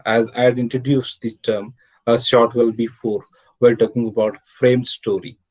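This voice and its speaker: A man's voice: medium pitch, little pitch movement, moderate pace, a little mellow, low-quality recording. A man giving an online literature lecture. He explains step by step, with many fillers like "okay" and "means". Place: home, recorded over a video call. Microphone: computer or headset mic on a video call.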